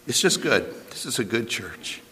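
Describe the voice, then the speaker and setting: A man preaching as a pastor in an earnest, informal way, his voice thin, squeaky and strained from a sore throat. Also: very animated, normal speed, sharp tone, a little hiss or hum. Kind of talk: sermon. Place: large reverberant church hall. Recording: long hall reverb.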